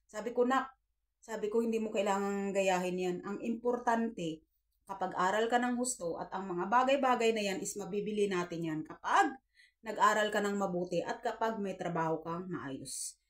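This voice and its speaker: A woman's voice: mid-range voice, moderate pace. Earnest woman in her fifties giving advice. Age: 50s. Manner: earnest, preachy, addresses viewers as guys, acts out quoted dialogue. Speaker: vlogger giving life advice. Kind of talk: casual advice talk to viewers.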